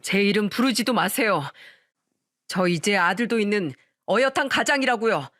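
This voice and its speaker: A fed-up husband in a radio story, voiced by a woman who speaks sharply and firmly. The pitch moves in a lively way. The sound is dry and close. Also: normal speed, no room sound, natural voice. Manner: sharp, firm. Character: fed-up husband cutting off his mother.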